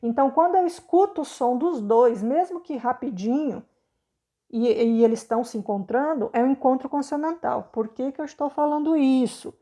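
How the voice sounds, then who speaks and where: A Brazilian woman teacher with a Brazilian Portuguese accent patiently explains a lesson to children, slowly sounding out words and checking often that they understand. Her voice sits high and has a warm tone.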